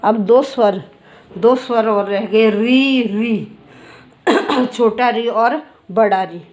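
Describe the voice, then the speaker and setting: A woman's voice: on the high side, takes it slowly, darkish tone. A woman teaching handwriting, walking through each stroke and repeating them patiently. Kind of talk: handwriting lesson.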